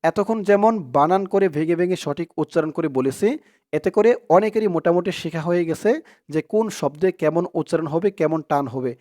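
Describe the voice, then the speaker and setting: A man teaching Quran reading, spelling out letters syllable by syllable, then chanting the verses in long, drawn-out tones with quick plain explanations in between. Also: a little high, darkish tone. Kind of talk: step-by-step recitation lesson.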